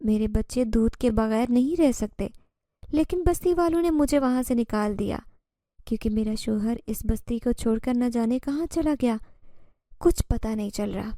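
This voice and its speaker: A woman's voice: on the high side, mellow, no room sound, studio quality, natural voice. A woman voicing a homeless female jinn mother who speaks in a strange, coaxing, familiar tone.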